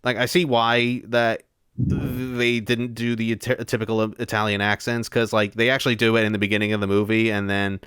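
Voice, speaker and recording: A man's voice: on the low side, little pitch movement, a little fast, fairly bright tone, clean tone, dry recording, studio quality. A man co-hosting a casual film review podcast, easygoing and agreeable, with hesitant restarts. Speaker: podcast co-host.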